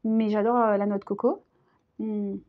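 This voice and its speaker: A woman gives a casual tarot reading on video, her mid-range voice flat and moderately paced. She's chatty and hesitant, uses many fillers and laughs easily, and the recording sounds dull and lo-fi.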